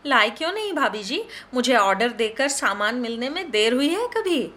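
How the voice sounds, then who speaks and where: A woman voicing a shrill street pot-seller woman calling out to a housewife. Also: sing-song, moderate pace, pushed and bright. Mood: hawking.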